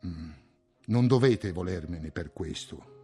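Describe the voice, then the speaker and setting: A man reading an audiobook, voicing an anxious, touchy middle-aged man who flares into shrill outbursts. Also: animated, takes it slowly, dark tone, slightly rough, exaggerated voice.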